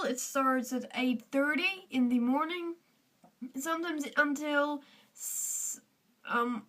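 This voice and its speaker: Teen girl vlogger, Austrian German accent, rambling casual talk, high voice, mic a bit distant. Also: fairly bright tone. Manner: chatty, rambling, with many fillers and restarts. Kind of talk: casual chat to camera.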